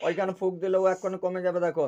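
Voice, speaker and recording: A man's voice: high voice, little pitch movement, very fast, a little mellow, highs cut off. A man working as a spiritual healer, sternly questioning over a video call and repeating short demands.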